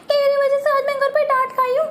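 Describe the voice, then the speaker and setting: A woman doing a shrill, bossy young sister. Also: little pitch movement, a little fast, a bit bright, a little hiss or hum. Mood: threatening. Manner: scolding, bickering, threatening. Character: proud hot-tempered young sister, bossy. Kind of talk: homemade comic family sketch.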